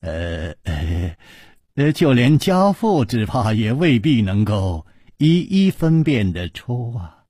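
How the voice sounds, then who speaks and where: A man voicing a troubled, hesitant martial artist in a radio storytelling broadcast, with a husky voice and a sighing manner. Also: mid-range voice, sing-song, slow, mellow, dry recording, studio quality, exaggerated voice.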